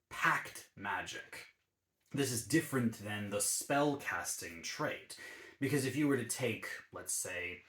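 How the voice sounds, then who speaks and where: A man with a fairly low voice walks through a tabletop character build, easygoing and explanatory, pausing on ums and uhs. His voice carries a noticeable roomy echo, as if recorded in an untreated room. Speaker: YouTube D&D channel host. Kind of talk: relaxed tabletop game class guide.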